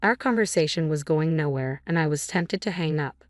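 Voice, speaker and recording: Low-voiced woman narrating calmly. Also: no room sound. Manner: calm, cold, measured. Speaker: storyteller. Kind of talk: scripted first-person narration.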